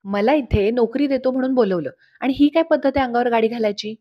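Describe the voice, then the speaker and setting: A woman's voice: on the high side, a little fast, dry recording, lo-fi sound, close to an everyday voice. A woman voicing a street-smart young man who banters cheekily and stirs up trouble, within a recap of a TV serial. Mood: mock outrage.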